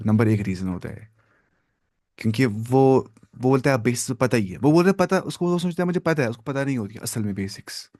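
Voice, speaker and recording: A man's voice: mid-range voice, a little mellow, dry recording, studio quality. Man teaching biology with questions. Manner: explains in mixed Hindi-English, asking and answering his own questions; stops to advise students between points. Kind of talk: exam-prep lecture.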